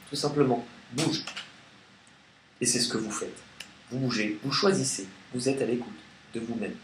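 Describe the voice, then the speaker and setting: A man's voice: mid-range voice, slight background noise. Playful man giving a tarot reading. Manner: lively, reads card texts aloud with playful emphasis. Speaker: tarot card reader. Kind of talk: casual tarot reading to camera. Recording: echoey room with faint ambience.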